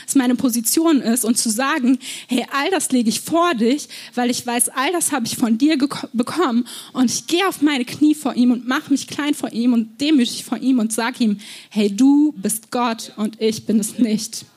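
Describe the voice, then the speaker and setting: A young woman giving an earnest sermon, telling personal stories and often pausing on fillers. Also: high-pitched, husky. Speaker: preacher.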